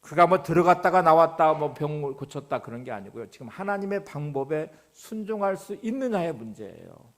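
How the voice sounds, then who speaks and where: Korean pastor preaching, soft to forceful. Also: male voice, on the high side, expressive. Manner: swings between soft near-whispers and loud emphatic rises; reads scripture aloud with slow, dramatic stress. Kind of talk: sermon.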